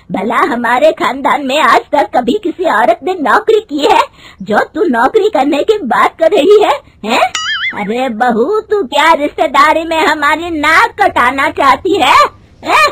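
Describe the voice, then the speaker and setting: A woman voicing a stern, domineering elderly mother-in-law in a cartoon story, drawn out and scolding. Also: a little hiss or hum. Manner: slow, scolding, shrill when angry.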